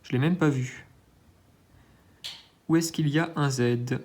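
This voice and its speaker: A man's voice: medium pitch, slow, a little mellow. Man casually musing over scratch cards. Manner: hesitant, thinking aloud, frequent filler sounds; self-mocking asides. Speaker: scratch-card channel host. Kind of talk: casual commentary while scratching tickets.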